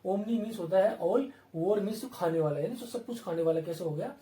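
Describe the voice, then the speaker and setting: A man's voice: high-pitched, fairly quick, dark tone. A man with an Indian English accent teaching an exam-prep vocabulary lesson, repeating terms and asking and answering his own questions. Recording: roomy, from a distance.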